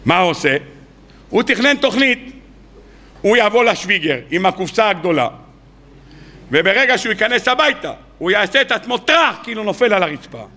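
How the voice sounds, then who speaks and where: A man's voice: high voice, sing-song. A man, a rabbi, preaching to an audience in a colloquial storytelling sermon, acting out the people in his tales. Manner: colloquial, addresses the audience as "gentlemen". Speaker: rabbi giving a weekly Torah talk. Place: evening lecture before an audience.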